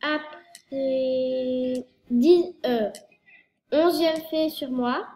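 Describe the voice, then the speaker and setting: High-voiced stuffy-nosed young teen girl vlogging. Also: very slow, warm tone. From France. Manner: rambling, full of fillers and self-corrections. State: stuffy nose from a cold. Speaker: youtuber. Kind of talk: casual vlog monologue. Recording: echoey room with faint noise.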